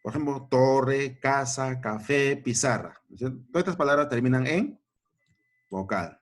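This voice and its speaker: A man with a mid-range voice teaches children a grammar lesson at a moderate pace, repeating each point and checking in with short questions.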